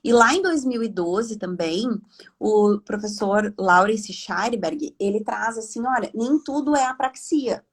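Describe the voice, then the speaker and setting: A woman, a speech therapist speaking from home on a video call in a live online talk, explaining in a chatty, animated way. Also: medium pitch, unhurried, husky.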